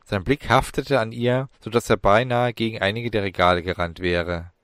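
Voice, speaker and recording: A man narrates a fantasy story in a measured, dramatic reading. His voice sits on the low side, recorded close on a studio mic with a dry, deadened sound. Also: fairly even intonation, a bit bright, no echo. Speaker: audiobook narrator.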